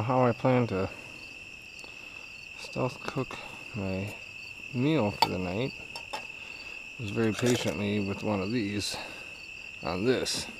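A man in his thirties talking casually to camera on an outdoor adventure vlog, in short, offhand muttered remarks. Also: lowish voice. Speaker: vlogger. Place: outdoors in overgrown prairie. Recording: noisy outdoors, insects and nature sounds. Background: crickets, insects, outdoor ambience.

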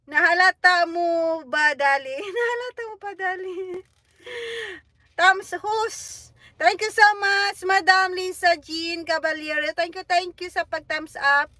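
A woman hosts a casual livestream, teasing her viewers and giggling as she reads out their comments. Her voice sits very high and bright, and she speaks slowly. The sound is dry and close. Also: no echo. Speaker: livestream host.

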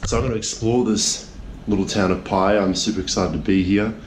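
Speaking briskly with a fairly low, fairly even voice, a weary man in his thirties chats casually to the camera he holds at arm's length for his travel vlog. The setting moves from outdoors by a street to a hotel room. The low-quality recording has a little hiss or hum, with loud music over his speech.

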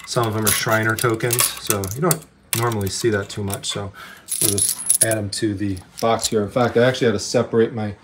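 Filming by hand in first-person view, a man walks through an estate sale house as a treasure-hunting vlogger, talking casually and a little fast with plenty of "I mean" and "you know." His voice is lowish with fairly even intonation, and the background is noisy.

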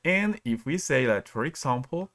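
A man's voice: mid-range voice, lively intonation, a little slow, fairly bright tone. Man teaching in a live class. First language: Spanish. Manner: reads out students' answers and asks questions often. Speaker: English teacher.

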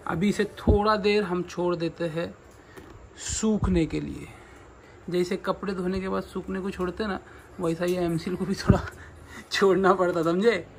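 A man's voice: sits high, steady tone, a little slow, a little hiss or hum. A young man vlogging in casual chat, joking and talking straight to his viewers. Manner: chatty and joking, addresses viewers directly.

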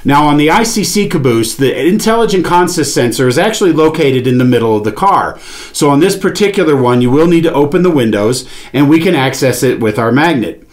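Seated at a table against a padded wall in a small indoor studio, a forties-aged man walks viewers through a product demo step by step. He speaks a little fast, with a fairly high, expressive voice.

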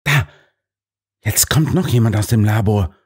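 A man voicing a hushed, gentle doctor companion. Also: lowish voice, a little slow, husky. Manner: hushed, whispering.

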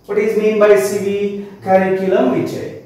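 A man's voice: sits high, level tone, normal speed, mellow. A man with a Telangana Indian English accent giving an online English lesson, asking and answering his own questions and repeating definitions. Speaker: English teacher. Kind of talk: online class lecture. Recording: very echoey room, mic far off.

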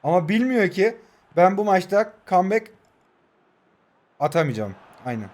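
Young male gamer, high-pitched, excitable play-by-play while trash-talking an opponent. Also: moderate pace. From Turkey. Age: 20s. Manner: heated, urging players on, trash-talking the opponent. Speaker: mobile football gamer. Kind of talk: live gameplay commentary.

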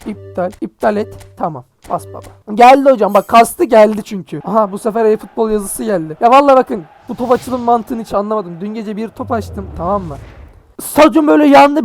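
A young man casually commentating his mobile football game pack openings, excitable and joking, groaning and swearing at bad pulls. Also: extremely high pitch, creaky.

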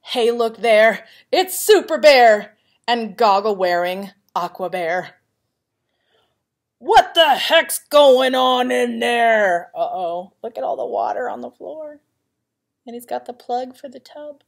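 An elementary school vice principal reads a picture book aloud to pupils, playful and dramatic, breaking off for chatty asides to the children. Her voice is on the high side and expressive, and she reads at a slow pace.

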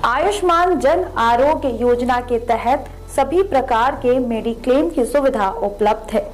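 A woman's voice: high voice, measured pace, a little hiss or hum, poor audio. A woman reading a scripted advertisement as a voice-over. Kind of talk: scripted hospital advertisement narration.

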